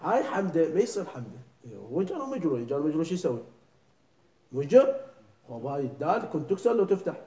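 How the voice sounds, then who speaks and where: A man teaches a lesson on prayer recitation, drilling pronunciation slowly and checking that his students understand. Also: a little high, sing-song, warm tone, a little hiss or hum. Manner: keeps checking understanding with short questions. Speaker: religious teacher. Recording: echoey room.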